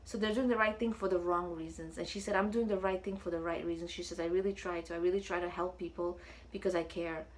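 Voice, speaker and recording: A woman's voice: fairly low pitch, fairly even intonation, fast talker, rough recording. A woman in her thirties telling a personal story in an earnest, repetitive way, quoting others in her own voice. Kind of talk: personal story told to camera.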